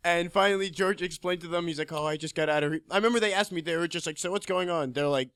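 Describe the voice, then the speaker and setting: A young man from New Jersey casually telling a story on a podcast, acting out officers in a lower, quieter voice. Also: fairly even intonation, racing, smooth, no room sound, studio quality. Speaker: podcast co-host.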